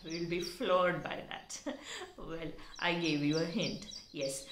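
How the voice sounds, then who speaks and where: Woman, teacher; slow, deliberate, earnest delivery in an echoey room. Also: mid-range voice, background noise. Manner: earnest, explanatory, spells words letter by letter. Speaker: English teacher. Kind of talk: pronunciation lesson.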